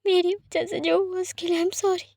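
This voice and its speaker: A woman voicing a gentle, sick young man who speaks softly and apologetically, in a fan-fiction story reading. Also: high-pitched, steady tone, moderate pace, dry recording. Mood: tearful. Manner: soft, hushed and apologetic.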